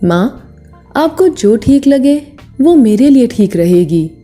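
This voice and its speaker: Brief: a woman doing a kind young husband, reassuring, unhurried and mellow. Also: on the high side, sing-song, faint music behind, full character voice. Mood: gentle. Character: gentle, obliging young husband.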